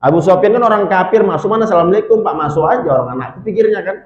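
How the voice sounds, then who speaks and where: Man, preacher, sermon storytelling, lively, addresses congregation, slightly high pitch, echoey hall. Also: fast talker, muffled recording.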